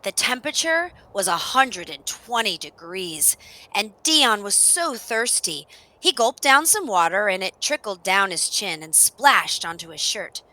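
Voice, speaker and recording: A woman reads a children's story aloud in an expressive style, putting dramatic emphasis on the action words. Her voice is mid-range and her pace measured, though the recording quality is low.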